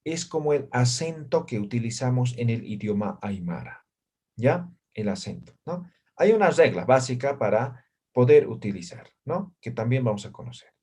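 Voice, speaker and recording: Male teacher, mid-pitched voice, lecturing a class and constantly checking in with tag questions. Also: expressive, normal speed, warm tone, breathy edge. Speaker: language teacher.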